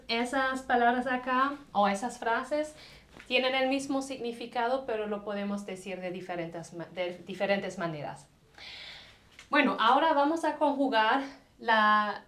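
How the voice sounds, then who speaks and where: Slow-spoken woman teaching in an echoey room. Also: fairly high pitch, a bit bright. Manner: slow, careful, drawn-out demonstration of words. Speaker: language teacher. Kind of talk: casual spoken lesson.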